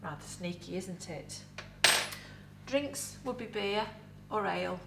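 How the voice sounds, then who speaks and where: A middle-aged woman with an English accent, a museum educator in costume, giving a lively, chatty talk to camera about food with props in an indoor set. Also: mid-range voice, slow, gravelly, heavy background noise. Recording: roomy echo, voice from a distance.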